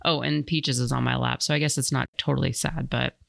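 Woman podcast host chatting from an empty room at home, bit of vocal fry, casual. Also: a bass voice, steady tone, a little fast, fairly bright tone, no room sound, studio quality. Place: small empty room in an apartment or house. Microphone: podcast microphone at a computer.

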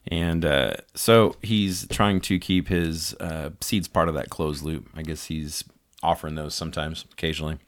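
A man co-hosting a casual podcast chat, relaxed and explaining growing tips, laughing easily. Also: a bass voice, moderate pace, dry recording, studio quality. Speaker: podcast co-host.

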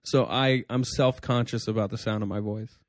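A man's voice: fairly low pitch, fairly even intonation, normal speed, no echo, studio quality. A man with a slightly nasal voice hosting a casual, conversational interview. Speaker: podcast host.

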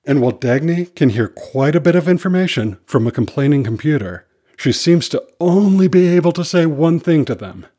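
A man narrating a scripted children's story in an animated, expressive reading voice. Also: fairly high pitch, normal speed.

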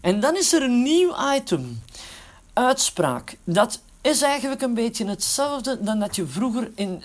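Man explaining things step by step. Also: sits high. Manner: patient, explaining step by step while demonstrating. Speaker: podcast host. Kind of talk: casual spoken tutorial.

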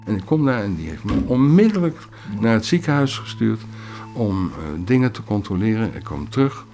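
A former orchestra conductor, a man, telling his own story in a halting, reflective way with pauses and filler sounds. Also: lowish voice, big pitch swings, mellow, faint music behind. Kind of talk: personal storytelling interview.

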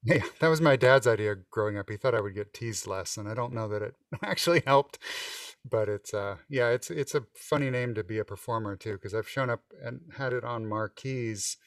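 A man's voice: mid-range voice, moderate pace, no echo, clean studio sound, distant mic. A man, the guest musician, chatting casually and telling stories with frequent fillers. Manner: relaxed storytelling with frequent fillers. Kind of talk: casual interview chat.

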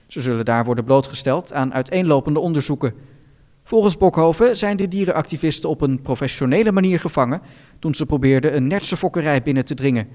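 A man hosting a satirical radio news show, reading items in a calm, formal deadpan. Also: on the high side, quick pace, long reverb tail. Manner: calm, formal newsreader delivery.

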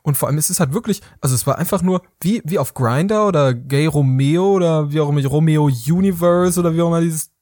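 A man's voice: fairly high pitch, fast talker, few pauses, a little mellow, no room sound, studio quality. A man co-hosting a podcast in casual, joking chat, rambling and self-mocking. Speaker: podcast co-host.

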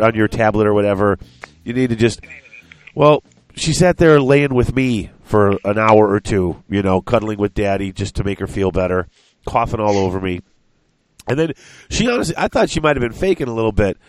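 Podcast co-host: male, lower register, wheezy and stuffed up with a chest cold, loose conversational rambling. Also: no room sound. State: congested, short of breath with a chest cold. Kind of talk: casual rambling chat.

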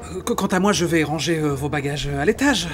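Guy playing a smooth flowery gentleman, slightly high voice, faint music. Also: lively intonation, brisk. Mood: suave. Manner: suave, flowery. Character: smooth-talking gentleman, suave and optimistic.

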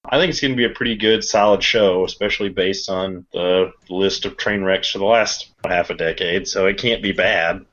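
Young guy calmly giving his take, low voice, kinda muffled audio. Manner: measured, thoughtful opinions. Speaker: podcast panelist. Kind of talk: casual fan chat. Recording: dull lo-fi audio.

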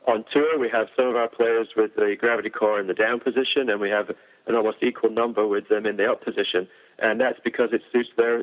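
A man, a golf equipment engineer, explaining driver technology in detail with frequent fillers. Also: fairly low pitch. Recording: tinny phone-like audio.

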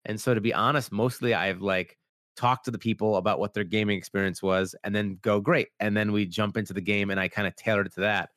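A young man hosts a casual podcast in a fairly low, slightly bright voice with a steady tone and quick pace, sounding a little worn after being sick. He rambles, fills gaps with "like," and acts out quoted lines. The recording is dry and studio quality.

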